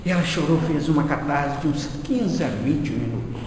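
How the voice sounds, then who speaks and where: A man tells a story at a spiritist center, lively and theatrical as he acts out each exchange. His voice sits somewhat high for a man. It rings through a very echoey hall with a long tail of reverb. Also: normal speed, background noise. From Minas Gerais, Brazil. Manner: animated storyteller who acts out dialogue. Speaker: guest lecturer at a spiritist center. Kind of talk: spiritist lecture told as an anecdote.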